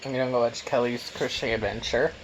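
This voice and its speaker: A man's voice: mid-range voice, steady tone, fast. A man vlogging casually as he eats, rambling and repeating himself for emphasis. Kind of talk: casual mukbang chat while eating. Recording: noisy room, clattering cutlery and dishes.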